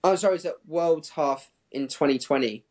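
Raised between Hong Kong and England, this man in his twenties is a professional distance runner guesting on an interview. He talks casually and ramblingly, dropping "like" constantly, in a voice on the high side that's a little mellow, at a moderate pace.

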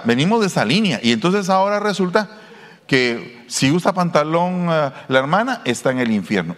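A man's voice: mid-range voice, in a large hall. A man with a Mexican Spanish accent preaching a sermon in a conversational way, often asking his listeners rhetorical questions. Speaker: pastor.

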